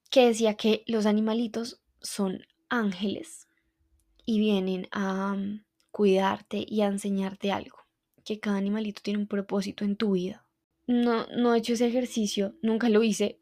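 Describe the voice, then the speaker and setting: Woman podcast host, heartfelt halting monologue, even mid-range pitch. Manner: reflective, heartfelt, halting recounting. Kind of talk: personal storytelling monologue.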